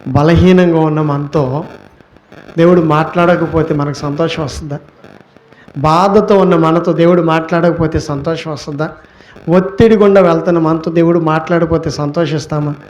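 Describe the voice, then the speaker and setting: Male pastor, fairly high voice, sermon delivery; poses questions then answers, stretches key words slowly. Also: steady tone, darkish tone. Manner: rhetorical questions answered by himself.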